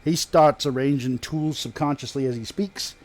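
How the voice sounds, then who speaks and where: A man's voice: medium pitch, normal speed. Man, game master, tabletop role-play narration, mid-range voice.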